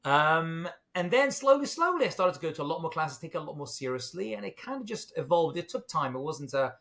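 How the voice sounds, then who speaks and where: This guest in a casual interview is a middle-aged rabbi from London with a British accent, joking, self-deprecating, and heavy on fillers. His voice is a little high and fairly bright, with big pitch swings and a slightly fast pace.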